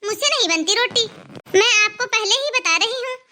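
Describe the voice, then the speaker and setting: A woman's voice: extremely high pitch, lively intonation, fairly quick, background noise. A woman voicing a lazy, sassy young daughter-in-law who argues back in a whiny, defiant way. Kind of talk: cartoon voice acting.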